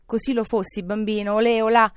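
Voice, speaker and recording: A woman's voice: mid-range voice, fairly quick, a little mellow, no echo, studio quality, natural voice. A woman voicing an elderly man, a reformed miser, overjoyed and breathless, exclaiming between laughter and tears. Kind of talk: audiobook character reading.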